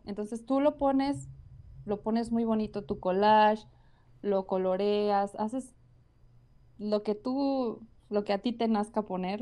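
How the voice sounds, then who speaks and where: Mexican woman just chatting, earnest, lots of fillers, soft warm voice. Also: medium pitch. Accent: Mexican Spanish. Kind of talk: casual conversation.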